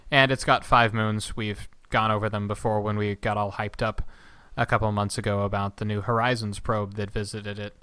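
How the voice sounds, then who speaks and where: A man's voice: on the low side, little pitch movement, normal speed, bright, forceful tone, clean tone, no room sound. A man co-hosting a casual podcast, explaining astronomy in a chatty, rambling way with asides. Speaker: podcast co-host. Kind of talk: casual chat.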